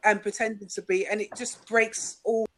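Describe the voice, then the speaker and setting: A woman's voice: medium pitch, little pitch movement, moderate pace, fairly bright tone, slight background noise. Woman coach giving advice on a call. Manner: advising, explanatory. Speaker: relationship coach. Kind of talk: casual panel discussion.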